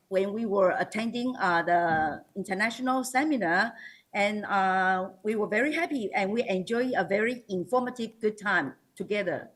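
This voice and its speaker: Speaking as a school principal, a woman with a Taiwanese accent delivers a formal slide presentation, her voice a little high and slightly rough. She halts often, hesitating and correcting herself as she goes.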